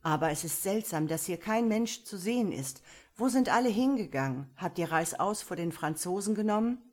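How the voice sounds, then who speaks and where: A woman's voice: fairly low pitch, lively intonation, normal speed. A woman voicing a firm, commanding young male soldier scout. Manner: firm, commanding, later gentler.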